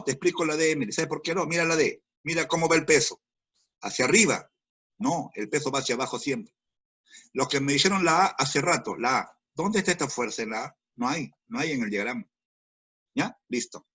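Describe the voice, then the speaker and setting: A male physics teacher talks his students through a problem one step at a time. His voice has a slightly husky edge and sits in an ordinary middle pitch. He repeats key words and speaks straight to the class. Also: bright, forceful tone. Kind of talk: online class lesson.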